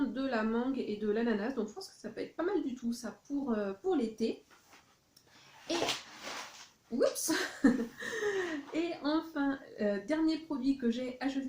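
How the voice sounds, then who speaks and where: A woman's voice: fairly high pitch, warm tone, roomy sound, slight background noise. A woman vlogging from her home office, chatting through a shopping haul with many hesitant fillers. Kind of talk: casual haul vlog.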